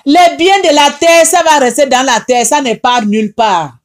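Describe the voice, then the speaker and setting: A woman's voice: high voice, moderate pace. A woman with a Haitian French accent, tearful and upset, preaching an impassioned, repetitive rebuke. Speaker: online advice host. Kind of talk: emotional preaching monologue.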